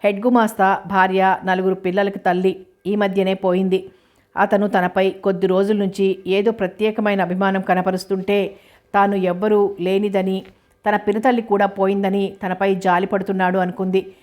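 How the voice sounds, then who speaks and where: A woman reads a story aloud at a measured pace. Her voice stays level throughout, with little change in pitch, and her delivery is steady and even. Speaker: narrator. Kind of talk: storytelling narration.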